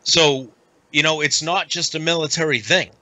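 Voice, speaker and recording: A middle-aged man from the United States, a guest in a casual podcast conversation, speaking earnestly and haltingly with frequent pauses. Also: on the high side, steady tone, bright, forceful tone, no echo. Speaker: guest, veteran nonprofit advocate.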